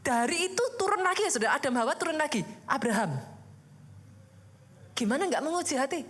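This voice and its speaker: Lively woman pastor preaching. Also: sits high, fairly quick. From Indonesia. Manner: lively, conversational preaching with rhetorical questions. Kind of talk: sermon.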